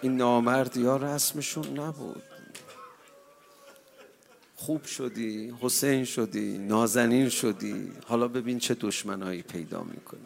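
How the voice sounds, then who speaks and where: A man reciting a religious mourning sermon, impassioned and swelling to loud cries. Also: mid-range voice, steady tone, vocal fry. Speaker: eulogy reciter.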